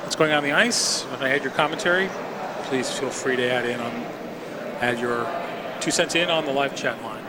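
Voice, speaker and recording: A man giving live curling commentary in a measured, understated way with some hesitations. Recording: very noisy, loud ambient machinery-like rumble.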